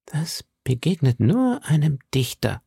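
A grave musketeer leader in a storybook reading, voiced by a man. He speaks calmly and with authority, close to the reader's own register. The voice is gravelly and dry, with an animated lilt. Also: fairly high pitch, measured pace, no room sound, pitched above the performer's own voice, full character voice. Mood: wry. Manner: calm, commanding.

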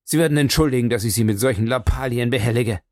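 A man voicing an angry middle-aged country gentleman who rants fast, in a broad West Country dialect. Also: mid-range voice, no room sound, clean studio sound, faint music behind, close to an everyday voice. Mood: furious. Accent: broad West Country dialect (as told). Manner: furious, fast, shouting complaints.

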